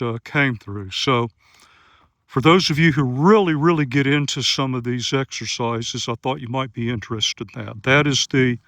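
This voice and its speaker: A man in his sixties talks through a night trail exercise in a steady, methodical way, pausing often with "uh" fillers. His voice sits in a middle pitch and is a little winded from running. The sound is dry, with no room echo. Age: 60s. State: out of breath after running. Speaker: gear reviewer and search-and-rescue volunteer. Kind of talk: outdoor field vlog narration. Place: outdoors on night trails in grasslands.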